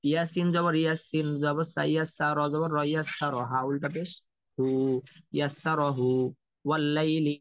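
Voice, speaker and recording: A man teaching Quran reading, spelling out Arabic letters and vowel marks slowly in a repetitive drill. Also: a little high, flat delivery, no room sound. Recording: dull lo-fi dry recording.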